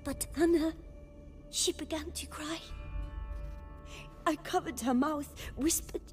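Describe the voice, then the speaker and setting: A woman voicing a frightened little orphan boy who stammers and speaks in hushed, trembling bursts, in a video game. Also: high voice, steady tone, slow, faint music behind. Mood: shaken.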